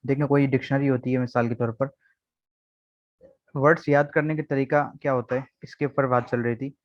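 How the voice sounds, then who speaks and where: A man's voice: medium pitch, steady tone, moderate pace. A man teaching an online vocabulary lesson over a video call, explaining step by step and often checking in with "okay". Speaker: English teacher. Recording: dull, dry video call audio.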